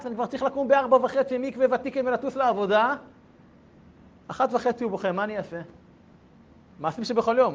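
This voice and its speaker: Male teacher, high voice, lively rhetorical style with quiet asides and loud bursts, slightly dull recording. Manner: animated, rhetorical questions, swings between hushed asides and loud bursts. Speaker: rabbi teaching a class. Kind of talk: Torah lesson to a group.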